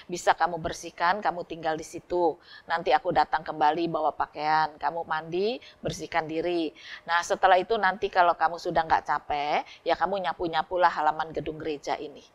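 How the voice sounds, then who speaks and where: A fatherly male pastor, gentle and patient, who speaks slowly and kindly to a broken man, as a woman narrator acts him out in her sermon story. His voice sits calm and slightly lowered, with steady, comforting warmth. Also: lo-fi sound. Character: kindly middle-aged male village pastor.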